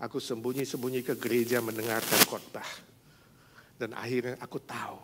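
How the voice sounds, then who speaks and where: A man preacher voicing a scornful, hard-drinking husband who shouts and mocks his wife, acted within a sermon story. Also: lowish voice, fairly even intonation, normal speed, gravelly, heavy background noise, voice pushed down. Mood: soft tender. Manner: shouting, mocking, exasperated.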